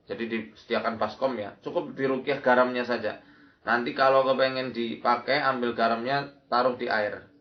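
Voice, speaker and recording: A man giving an instructional religious lecture as an Islamic preacher, often repeating key phrases. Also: medium pitch. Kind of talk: religious lecture with recited Arabic prayers. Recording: dull lo-fi audio.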